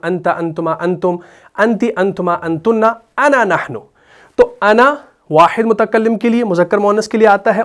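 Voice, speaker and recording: A man with an Urdu accent teaching Quran reading rules in a patient explanatory lesson, often checking that his students understand. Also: high-pitched. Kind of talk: explanatory lesson with slow chanted recitation.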